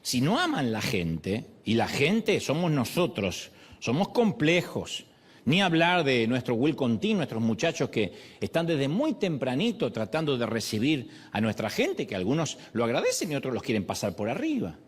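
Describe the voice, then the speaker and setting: Animated Argentine man preaching a sermon. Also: mid-range voice, normal speed, breathy edge. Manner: animated storytelling with rhetorical questions. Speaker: pastor. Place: church.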